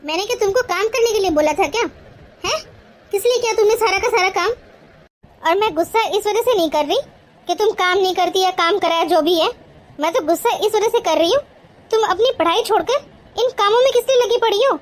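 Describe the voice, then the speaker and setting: A woman's voice: high voice, fairly even intonation, fairly quick, natural voice. A woman voicing a young married woman in a cartoon, a caring but strict sister-in-law who scolds in a bossy yet affectionate way. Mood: scolding.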